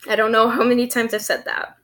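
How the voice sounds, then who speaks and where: A woman's voice: fairly high pitch, little pitch movement, quick pace, fairly bright tone. A young woman with a lisp that turns s slushy, like sh, chatting casually in a hesitant, giggly, self-deprecating way for a vlog. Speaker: vlogger. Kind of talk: casual rambling vlog chat.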